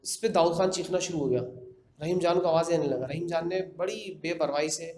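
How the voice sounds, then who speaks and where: Guy telling a scary story off the cuff, kinda high voice, lots of uh's and repeats, echoey room with a bit of hiss. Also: a little mellow. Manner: conversational, with fillers and repeated phrases. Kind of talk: casual retelling of a horror story. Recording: echoey room with faint background noise.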